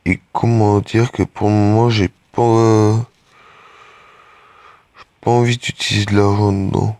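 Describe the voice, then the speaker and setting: Teen male gamer, low voice, casual hesitant rambling commentary, dry sound. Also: flat delivery, measured pace, darkish tone, no room sound. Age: teenager. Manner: rambling and hesitant, many fillers and restarts. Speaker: gaming YouTuber.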